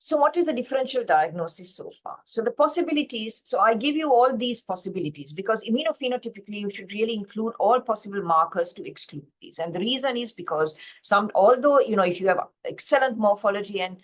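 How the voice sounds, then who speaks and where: A woman's voice: medium pitch, expressive, quick pace, few pauses. A woman from Sri Lanka giving a slide-based pathology lecture, explaining steadily with frequent fillers and self-corrections over a video call.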